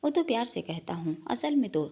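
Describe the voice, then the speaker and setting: A playful young man who teases but keeps a protective, reassuring tone, read out by a woman storyteller. His lines come in a lively, high-leaning voice with plenty of swing in the pitch. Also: brisk, slightly rough, exaggerated voice. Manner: joking, reassuring.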